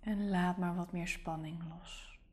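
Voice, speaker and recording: A woman guiding a relaxation meditation in a soft, calm, soothing whisper. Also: on the low side, unhurried, slight background noise. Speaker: meditation guide.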